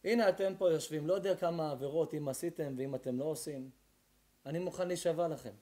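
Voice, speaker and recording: A man, a rabbi, giving a sermon to a live audience, swinging from quiet talk to emphatic shouting. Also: fairly high pitch.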